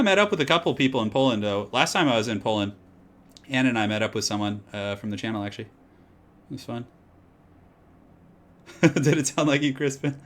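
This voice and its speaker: A man with a medium-pitched, slightly raspy voice casts a strategy game tournament live while chatting with viewers. His voice is getting hoarse, and he's excitable, breaking into loud exclamations.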